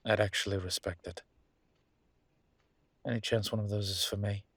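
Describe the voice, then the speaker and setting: In an intimate, conversational audio roleplay, a man gives a full character voice to a flirtatious, wry immortal demon professor. His voice is low and husky, and he's teasing and playful, with breathy asides.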